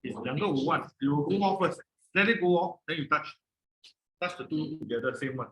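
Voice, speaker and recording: A man's voice: fairly high pitch, lively intonation, normal speed, fairly bright tone. A man with a Singaporean accent giving casual, encouraging step-by-step instructions in short repeated phrases. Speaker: instructor guiding a player through a brain game. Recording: roomy, echoing sound.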